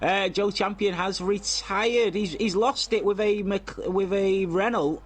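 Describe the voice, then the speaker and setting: A man's voice: high-pitched, fairly even intonation, measured pace. A man giving casual live commentary on an online racing league, reading out lap times and chatting with viewers. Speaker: race commentator.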